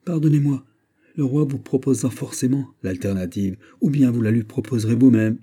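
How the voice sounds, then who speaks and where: A man's voice: medium pitch, fairly quick, mellow, breathy edge, voice pushed up, lightly acted. A man reading aloud, voicing a cautious male adviser who warns with insistent urgency. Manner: warning, insistent.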